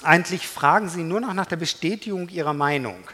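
A middle-aged man preaching a sermon, animated and emphatic, talking straight to his congregation. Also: a little high, fairly quick, husky. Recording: reverberant hall.

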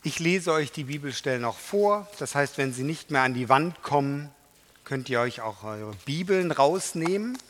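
A man's voice: on the high side, lively intonation, moderate pace, a bit bright, slight background noise. A man preaching a sermon to a congregation in a conversational way, often putting questions to his listeners. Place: church hall. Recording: reverberant hall.

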